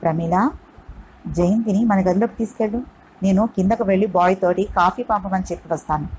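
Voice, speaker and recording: A woman's voice: mid-range voice, fairly quick, darkish tone, a little hiss or hum, lightly acted, low-quality recording. A woman voicing an earnest, apologetic young man in a storybook reading.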